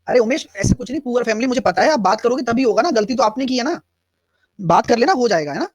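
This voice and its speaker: A man's voice: very high voice, expressive, quick pace, no room sound. Hindi-speaking male teacher, live math class. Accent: Hindi-English mix. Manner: explains step by step, answers chat questions.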